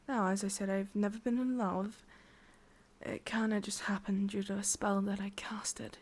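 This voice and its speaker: In a whispered ASMR roleplay, a woman with an English accent plays a possessive, sadistic ancient witch, coaxing and controlling the listener. Her medium-pitched voice has a breathy edge, and the mood is both wistful and menacing.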